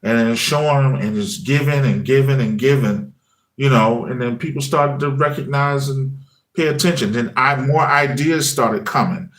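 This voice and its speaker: A man's voice: medium pitch, normal speed. A man in his forties in a casual, conversational telling of his story, with loose chatty phrasing and lots of "you know what I mean" fillers. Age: 40s. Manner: acts out his own past words in lively quoted asides. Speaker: former high school teacher and music channel creator.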